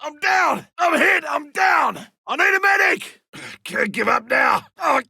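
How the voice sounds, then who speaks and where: Griffin, gravelly old veteran monster hunter. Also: male voice, very high voice, lively intonation, measured pace, sharp tone, no room sound, raised voice, studio quality, exaggerated voice. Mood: pained, urgent. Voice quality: gruff, gravelly. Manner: colloquial, wry, theatrical. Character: ageing veteran monster hunter, gruff, cocky and stubborn. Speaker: playable game character. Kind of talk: video game combat voice lines.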